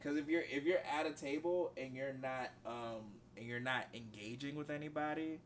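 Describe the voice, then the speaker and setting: A man, a traditional artist guest on a podcast, talking in casual chat and giving measured, practical advice. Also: medium pitch, slight background noise.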